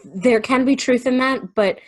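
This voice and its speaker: A high-pitched woman, a guest on a remote call, explains herself in casual conversation. She's thoughtful and halting, sometimes putting her thoughts into quoted form.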